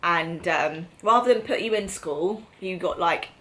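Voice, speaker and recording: A middle-aged Englishwoman hosts her family vlog as a mother, chatting casually, explaining things and checking in with tag questions. Her voice sits on the low side, a bit bright, at a measured pace.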